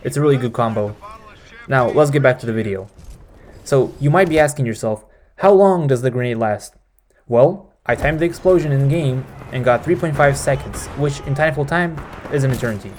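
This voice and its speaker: A man narrates a scripted gaming guide as its host. His voice sits at an average pitch for a man. The home recording carries faint noise behind him. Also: a little fast, a little mellow.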